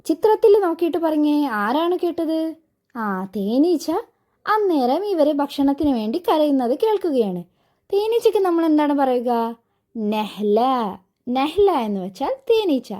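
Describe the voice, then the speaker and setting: High, lively-voiced woman teaching young kids. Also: normal speed. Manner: patient and coaxing, asks the children many questions and repeats words for them to echo. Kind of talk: online class for young children.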